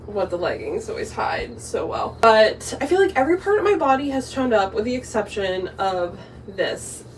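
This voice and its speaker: A woman's voice: mid-range voice, sing-song, normal speed, poor audio. A woman vlogger with a mid-range voice talks casually to the camera while under the weather. Her manner is informal and self-deprecating, and there is noticeable ambient noise around her. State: sick with a cold.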